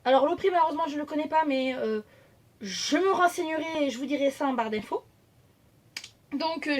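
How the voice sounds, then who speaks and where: Une jeune femme vloggeuse qui bavarde avec beaucoup d'hésitations et d'autocorrections, filmée au téléphone. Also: female voice, sits high. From France. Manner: chatty, hesitant, many fillers and self-corrections. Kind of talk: casual chat. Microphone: phone camera.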